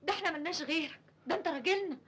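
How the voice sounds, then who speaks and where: A worried egyptian mom, high voice, quick pleading. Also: female voice, a bit bright, a little hiss or hum. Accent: Egyptian Arabic. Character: worried working-class mother, pleading, devoted. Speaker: mother.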